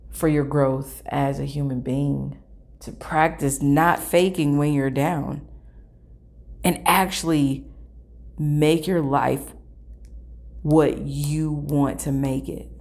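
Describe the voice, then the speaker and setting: Low, gravelly-voiced woman reflecting slowly. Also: fairly even intonation, a little mellow. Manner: earnest, thoughtful, speaks to listeners directly. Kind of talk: reflective personal talk.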